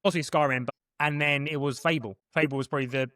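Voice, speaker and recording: Fairly high-pitched and a bit bright, this young man's voice holds fairly even intonation. He rattles through casual podcast talk as a co-host, rambling and restarting often, in a clean, echo-free studio recording.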